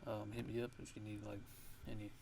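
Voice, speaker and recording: A man walks through a music production tutorial in a fairly low, gravelly voice with rather flat intonation. His halting, laid-back delivery feels like a casual ASMR walkthrough. The home recording has clear background noise behind him.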